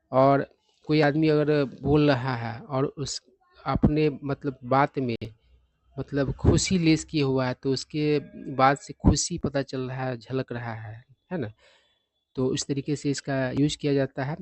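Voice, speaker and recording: A man walks through English words from the newspaper at an even, mid-pitched level. He explains each one patiently and keeps checking in with his listeners. The recording is close and dry, with no room echo. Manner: explains each word patiently, often ending with "है ना?". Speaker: English vocabulary teacher. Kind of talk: newspaper vocabulary lesson.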